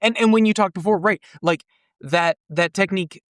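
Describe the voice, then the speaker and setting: A man hosts a loose conversation with eager, animated energy, often agreeing and jumping in. His voice sits a little high. The sound is close and dry. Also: normal speed, dry recording. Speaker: podcast host. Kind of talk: casual chat.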